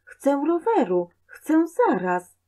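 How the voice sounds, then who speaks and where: A woman reading a storybook aloud, voicing a stubborn little boy who shouts and demands. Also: sits high, wildly swooping pitch, slow, voice pushed up, exaggerated voice. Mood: demanding.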